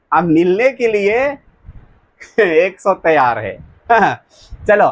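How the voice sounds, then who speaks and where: A male teacher giving a lecture, reading lines of an English poem very slowly and then explaining them with jokes and chuckles. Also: high voice, rough recording.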